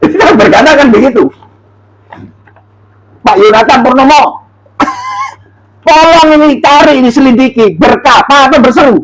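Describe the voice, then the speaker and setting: A man preaching informally, reading Bible verses and acting out quotes in an animated way. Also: very high-pitched, normal speed, long pauses, slight background noise, poor audio. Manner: animated, laughs often, acts out quotes.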